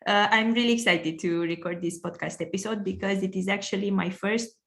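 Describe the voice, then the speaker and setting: A woman's voice: mid-range voice, steady tone, fairly quick, creaky, fairly bright tone. A woman hosting a podcast, speaking as an interviewer in conversation with a guest. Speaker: podcast host. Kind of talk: interview questions.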